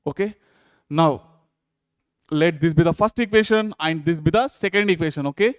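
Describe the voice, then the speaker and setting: A physics teacher with an Indian accent talks at a moderate pace in a smooth voice on the high side. Recorded in studio quality without room sound, he lectures through exam problems step by step and keeps checking in with students using repeated questions.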